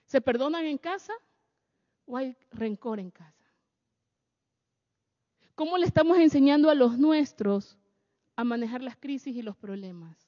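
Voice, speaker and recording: A woman with a high voice delivers a sermon-style talk. She keeps turning to her audience with questions. Her voice rings with a long hall echo and the sound is dull and lo-fi. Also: animated, a little slow, long pauses.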